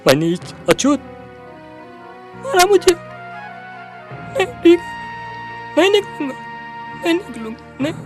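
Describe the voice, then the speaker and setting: A man's voice: extremely high pitch, huge pitch swings, faint music behind, heavily acted. A man playing a starving, pleading untouchable. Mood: broken, pitiful. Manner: broken, halting, pleading speech.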